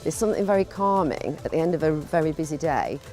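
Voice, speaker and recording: A woman's voice: sits low, lively intonation, fast talker, warm tone, soft background music. A woman being interviewed for TV, speaking enthusiastically about keeping chickens as pets.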